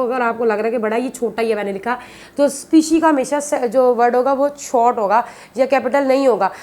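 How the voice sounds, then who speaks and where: A woman's voice: high voice, a little mellow. A woman, teaching a biology lesson and explaining each point patiently and repeatedly, often addressing students as "beta". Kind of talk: classroom lecture.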